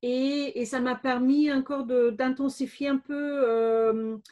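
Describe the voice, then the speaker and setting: A woman's voice: high voice, level tone, unhurried, dark tone, dull audio. A woman in her forties with a German accent, a guest speaking hesitantly with many fillers in an interview. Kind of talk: interview testimony.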